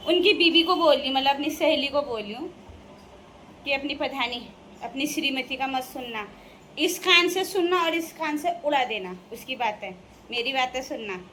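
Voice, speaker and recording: A woman's voice: sits high, lively intonation, normal speed, fairly bright tone, a little hiss or hum. A young woman from the Uttarakhand hills, chatting casually and teasing in a playful vlog, laughing often. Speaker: vlogger addressing viewers.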